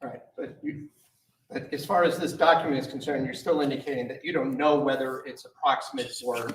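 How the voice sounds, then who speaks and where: A man questioning a witness in court, halting and full of uhs and restarts. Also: medium pitch, lively intonation. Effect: courtroom recording. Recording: echoey courtroom audio from a distant mic with faint noise.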